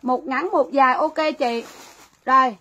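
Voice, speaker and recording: High-voiced woman selling live. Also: a little slow, pushed and bright, highs cut off. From Vietnam. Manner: chatty, repeats phrases to viewers. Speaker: livestream seller. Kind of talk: livestream sales pitch.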